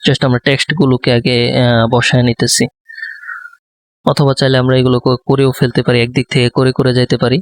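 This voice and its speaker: Man, quiet tutorial talk, hesitant fillers, monotone, dry close mic. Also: medium pitch, a little fast, dry recording. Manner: soft-spoken, thinking aloud with many fillers. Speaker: design tutor. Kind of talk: live screen-recorded tutorial. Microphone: close microphone.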